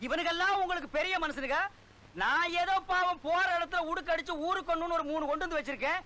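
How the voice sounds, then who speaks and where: A man's voice: very high-pitched, quick pace, bright, forceful tone. An actor playing a middle-aged village sorcerer who scolds and mocks his helpers in a film comedy. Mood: ranting. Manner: mocking, ranting.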